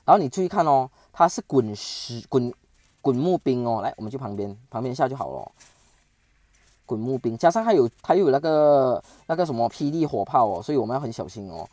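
A man giving chatty, excitable commentary over a strategy game he is playing, stumbling and restarting as he talks. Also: mid-range voice, a little fast, no room sound. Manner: chatty, excitable, with frequent sentence-final particles and stammered restarts. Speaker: game channel host. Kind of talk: casual gameplay commentary.

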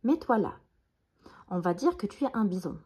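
A woman voicing a small, eager boy hamster who dreams of being a cowboy, speaking high and excited in a storybook. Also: normal speed, husky.

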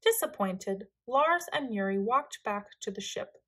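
A woman reading a children's picture book aloud, with gentle, expressive narration. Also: medium pitch, measured pace. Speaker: storyteller.

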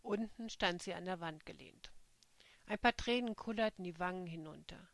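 A woman narrating an erotic story in a calm storytelling reading. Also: on the low side, moderate pace, dry recording.

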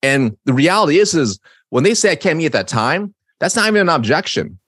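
A sales trainer in his thirties teaches a webinar over a video call from his home office, speaking into a studio mic on a boom arm. His voice sits on the high side and moves briskly, energetic and emphatic, and he gestures while talking and stutters at times. The recording is dry.

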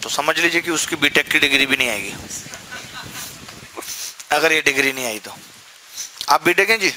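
A man's voice: on the high side, expressive, moderate pace, bright, forceful tone, a little hiss or hum, rough recording. A young man teaching a maths class, asking the students questions and answering them himself, with jokey, chatty asides. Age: young adult. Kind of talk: classroom lecture.

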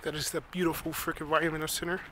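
A man's voice: on the high side, little pitch movement, fast, noisy background. A man with a Pittsburgh accent vlogging casually on a park hike, out of breath and rambling with lots of "like" and "you know". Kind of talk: casual walking vlog.

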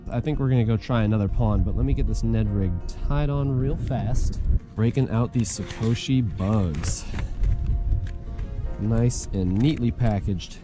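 By a pond outdoors, an American man with a lowish voice chats unhurriedly to his fishing vlog audience in relaxed, folksy slang. Music runs over his speech throughout.

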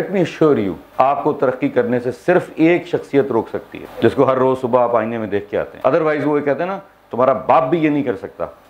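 A man leading a university workshop, speaking emphatically, asking rhetorical questions and mixing in English phrases. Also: mid-range voice. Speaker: workshop trainer. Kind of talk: workshop lecture. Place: university seminar hall.

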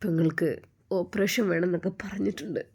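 A woman voicing a gentle young man who speaks haltingly and sounds choked with grief. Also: lowish voice, steady tone, husky.

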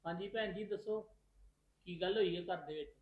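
An actor plays a calm, dignified middle-aged father who explains himself in measured speech. The voice sits at a middling pitch and the room sounds echoey. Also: phone-quality sound, heavy background noise, natural voice. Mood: earnest. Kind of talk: amateur family drama acting.

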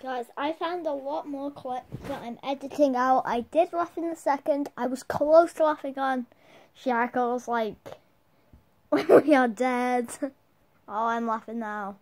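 A woman hosting a casual challenge video, chatting excitedly and talking straight to her viewers. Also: sits high, normal speed. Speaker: video host.

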